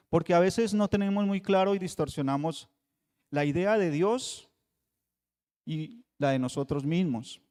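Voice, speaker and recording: A man preaching a Bible study sermon, with rhetorical questions and emphatic pauses. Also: on the high side, darkish tone. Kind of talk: radio sermon teaching. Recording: long hall reverb.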